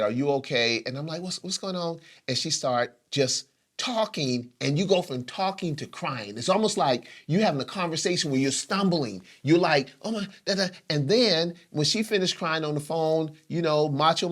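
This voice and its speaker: A middle-aged man sharing a personal story on a talk show. He speaks with deep feeling, and his voice rises higher and louder whenever the story grows intense. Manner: emotional, rises in pitch when retelling intense moments. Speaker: co-host.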